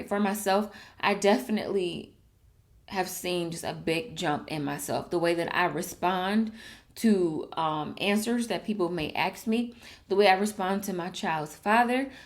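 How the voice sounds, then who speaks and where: Heartfelt young pregnant woman vlogging. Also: mid-range voice. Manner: heartfelt, repeats "you guys" and "literally". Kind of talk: emotional personal vlog talk.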